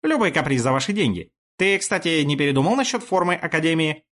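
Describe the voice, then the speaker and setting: A jovial, boastful craftsman with a slightly husky voice, as a man narrator puts him on. His speech is lively and sways up and down in pitch in an audiobook. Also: fast talker. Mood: cheerful.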